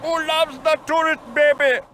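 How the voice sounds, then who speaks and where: An actor playing a pushy camel seller who calls out to tourists in a cartoon video game. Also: male voice, very high-pitched, little pitch movement, moderate pace, bright, forceful tone, a little hiss or hum. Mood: hawking. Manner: hawking, salesman patter. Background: game music.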